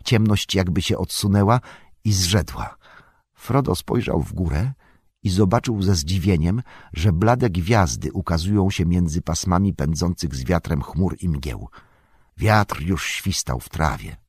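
A man reading a fantasy novel aloud as an audiobook narrator, in measured, expressive storytelling. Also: low-pitched, husky, no room sound.

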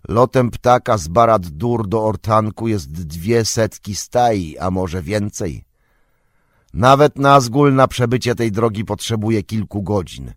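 A man voicing a wise, stern old male wizard in an audiobook, explaining at length in a measured, grave way. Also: on the low side, lively intonation, no echo, clean studio sound. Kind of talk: audiobook character reading.

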